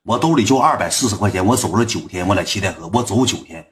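Young man, Northeast Chinese accent, low-voiced livestream storyteller, brisk, slangy, animated. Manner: slangy, swearing, animated retelling with repeated asides.

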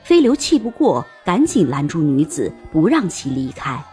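A woman narrating a historical-fiction audiobook in an expressive storytelling manner. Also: sits low, normal speed, soft background music.

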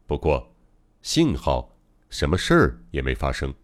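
A man's voice: rumbling low, huge pitch swings, measured pace. A man narrating a mystery novel as an audiobook, in a dramatic, suspenseful reading. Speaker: audiobook reader.

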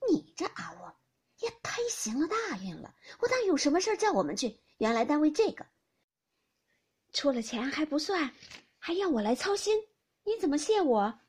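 A woman reading aloud as a bantering, sharp-tongued noble lady who scolds with a laugh. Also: high-pitched, sing-song, normal speed, pitched above the performer's own voice. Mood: teasing.

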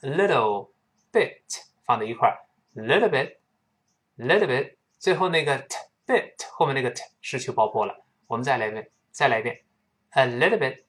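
A man teaching spoken English, explaining pronunciation and slowly repeating words and sounds for listeners to copy. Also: medium pitch, lively intonation, fairly bright tone.

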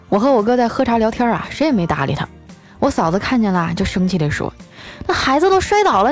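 A woman, telling comic everyday anecdotes in a lively, chatty way. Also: fairly low pitch. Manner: lively, chatty, acts out quoted voices. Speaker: podcast host. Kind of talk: comic storytelling. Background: soft background music.

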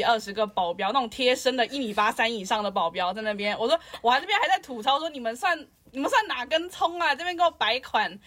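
A woman's voice: a little high, a bit bright. A woman in casual chat, ranting and slipping in English phrases. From lives in Shanghai.

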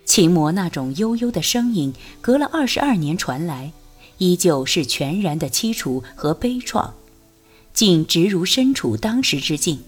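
A woman narrates a martial arts novel in an expressive storytelling manner. Her voice is low-set and breathy, and her intonation is lively and rises and falls freely. Faint music plays beneath her reading. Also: measured pace. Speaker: audiobook narrator.

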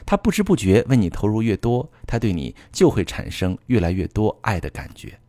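A man with a low voice hosts a relationship advice talk, explaining and instructing in an earnest way. His pitch moves a lot as he speaks straight to his listeners. The recording is close and dry. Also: very animated, a little fast, mellow, dry recording. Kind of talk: advice monologue.

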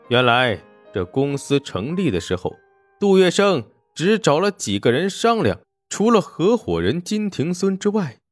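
A man's voice: medium pitch, no echo. Man narrating a story with dramatic expression.

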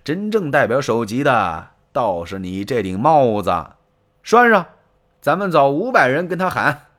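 Storyteller man as a brash young fighter, swaggering, lively delivery. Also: on the low side, unhurried. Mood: scoffing. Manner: scoffing, self-assured.

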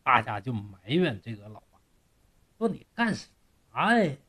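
A man's voice: mid-range voice, a little slow. A man retelling a classic tale in a folksy, joking way. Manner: animated, folksy, joking asides. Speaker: storyteller. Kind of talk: colloquial storytelling.

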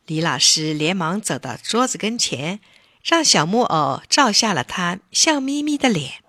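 Woman storyteller, bright, lively intonation, dry close sound. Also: fairly low pitch, unhurried, no echo. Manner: animated, expressive. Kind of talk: children's story reading.

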